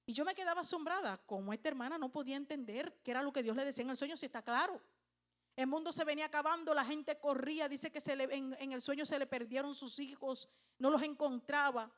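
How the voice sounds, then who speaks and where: High-voiced woman preaching emphatically. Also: quick pace. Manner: emphatic preaching with questions to the congregation. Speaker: pastor. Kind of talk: sermon.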